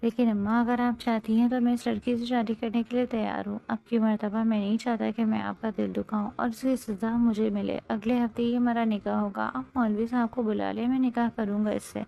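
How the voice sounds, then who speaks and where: A woman's voice: a little high, flat delivery, creaky, few pauses, mellow. Woman voicing a bitter young husband. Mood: resigned. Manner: emotional storybook dialogue.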